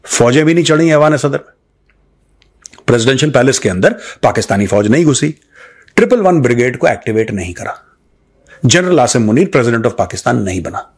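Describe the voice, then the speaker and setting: His mid-range, slightly rough voice is expressive and brisk, broken by long pauses. He is a man with an Indian accent offering unscripted political commentary to viewers, emphatically repeating phrases, raising rhetorical questions, and slipping English phrases into his speech.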